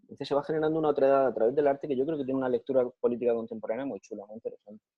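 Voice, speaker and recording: Racing along at a medium pitch, a man from Spain answers with real enthusiasm in a post-lecture video call, his Spanish accent clear as he repeats phrases for emphasis. The recording is dry, and the call audio sounds muffled.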